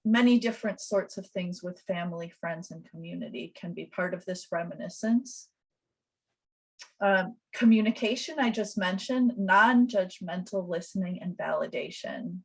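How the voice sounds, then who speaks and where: A woman who works as a death doula, giving a gentle, reflective webinar presentation over a video call. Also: lowish voice, normal speed, slightly rough, poor audio.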